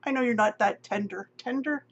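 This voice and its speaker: A woman's voice: a little high, moderate pace. A middle-aged woman vlogging in a rambling, self-deprecating casual chat, often laughing. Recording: dull lo-fi audio with faint hum.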